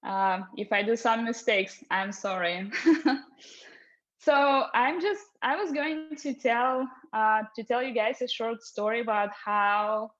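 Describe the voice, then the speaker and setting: A veterinarian from Russia with a Russian accent, telling a personal story, a little nervous and laughing often. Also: female voice, a little high, takes it slowly, fairly bright tone, dull audio.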